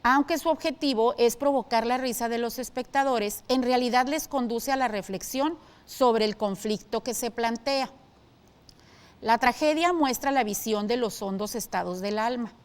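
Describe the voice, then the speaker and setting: A woman teaching a televised school lesson, explaining clearly and steadily and asking her students questions. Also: fairly high pitch, moderate pace.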